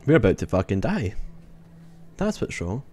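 A man giving sweary let's play commentary, reacting loudly to the game. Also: lowish voice, big pitch swings, normal speed, a little hiss or hum. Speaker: gaming YouTuber. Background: game music.

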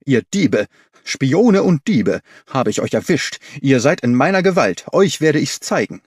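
A man's voice: mid-range voice, big pitch swings, measured pace, slightly rough, dry recording, clean studio sound. A man voicing a fat, furious villain who shrieks with rage, in an audiobook reading. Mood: shrieking rage. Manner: shrieking, raging.

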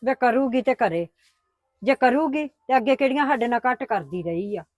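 A woman's voice: a little high, lively intonation, moderate pace, darkish tone, no echo, clean studio sound, natural voice. A woman playing a coaxing patient grandmother. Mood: soothing. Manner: coaxing, placating. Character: patient grandmother, soothing mother-in-law. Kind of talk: family drama acting.

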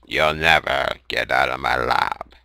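A man's voice: a bass voice, steady tone, measured pace, gravelly, bright, forceful tone, clean tone, no room sound, studio quality, pitched below the performer's own voice, exaggerated voice. A man putting on a gloating mad-scientist intercom voice. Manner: taunting villain laugh.

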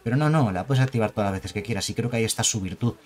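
A man's voice: on the low side, racing. A man with a Spain Spanish accent giving a chatty, emphatic card game review, with jokes and asides. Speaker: card game video creator. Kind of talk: casual card review commentary.

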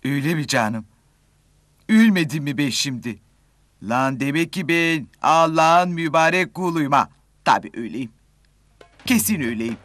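An actress playing a brash, vain middle-aged woman in a comic TV series, talking in rough slang that jumps between loud bursts and low muttering. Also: animated, normal speed, long pauses, no room sound, studio quality. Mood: cocky. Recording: TV series audio with loud music.

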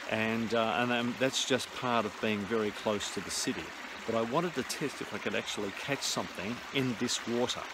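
A middle-aged Australian man talks through his fishing in a fairly low voice, loose and unhurried, with plenty of fillers and restarts. He is recorded outdoors on a phone held at arm's length. A trickling creek runs clearly behind him. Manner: relaxed, rambling with restarts and fillers. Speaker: fishing vlogger. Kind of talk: casual outdoor explanation. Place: outdoors by a shallow suburban creek. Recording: outdoor phone audio with stream noise. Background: trickling stream.

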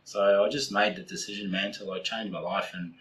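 A man's voice: on the low side, fairly even intonation, a little fast, a bit bright, low-quality recording. A man in his forties with a New Zealand accent, a podcast guest telling his story in blunt, candid, profanity-laced casual talk. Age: 40s.

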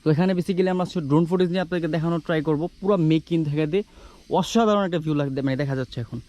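A man's voice: a little high, rapid-fire, dark tone. A young man narrating a casual travel vlog outdoors, chatty and addressing viewers as guys, mixing in English words. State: out of breath from climbing. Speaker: travel vlogger. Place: outdoors on a hill trail and beach. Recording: faint outdoor noise.

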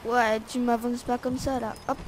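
High-voiced woman trash-talking over gunfire. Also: flat delivery, normal speed, slight background noise. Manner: playful trash-talking, taunting opponents. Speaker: gamer. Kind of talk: casual gameplay commentary. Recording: loud gunfire from the game under the voice. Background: game gunfire and ambience.

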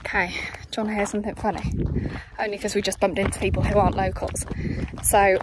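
A woman's voice: medium pitch, flat delivery, quick pace. A young woman vlogging casually on a handheld camera, chatty and bubbly, sometimes dropping into a whisper. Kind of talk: casual vlog chat. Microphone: handheld camera or phone. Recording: noisy handheld recording.

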